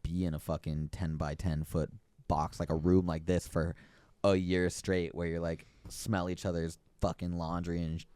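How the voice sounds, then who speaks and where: Low-voiced man in his twenties, dry sound. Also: little pitch movement, normal speed, few pauses, mellow, clear, resonant tone, no room sound. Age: 20s. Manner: profane, laid-back, says bro and dude. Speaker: podcast co-host. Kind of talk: casual chat.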